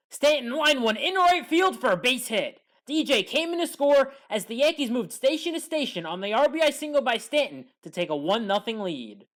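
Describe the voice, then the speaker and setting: A woman works as a commentator, calling scripted sports highlights play by play and leaning hard on the big moments.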